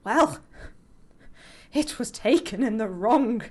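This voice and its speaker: A woman's voice: a little high, animated, slow, mellow, breathy edge. A woman co-host in casual conversation, talking in an informal, anecdotal way. She sounds like someone chatting among colleagues on a podcast. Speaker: podcast co-host and opinion writer.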